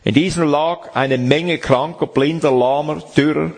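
A man's voice: fairly high pitch, fairly even intonation, a little slow, creaky, breathy edge. A man preaching a sermon, reading scripture aloud and explaining it to the congregation.

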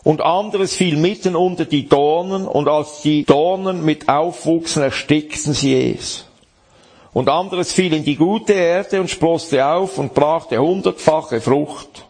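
A man's voice: a little high, slow, a little mellow, slightly rough. A man preaching a sermon, emphatic and addressing the listener directly, reading and explaining scripture.

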